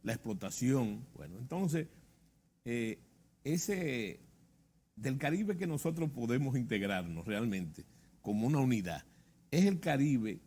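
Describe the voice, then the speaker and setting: A man's voice: medium pitch, sing-song, a little slow, warm tone, slightly rough. A man with a Dominican Spanish Caribbean accent explains history conversationally, repeating himself for emphasis and checking that he is followed. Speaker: interview guest.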